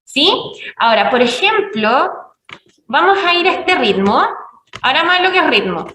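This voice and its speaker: A woman's voice: sits high, very animated, normal speed, sharp tone, heavy reverb, far from the mic, a little hiss or hum, poor audio. A woman teaching music theory to belly dancers, counting beats aloud and often checking that her students follow.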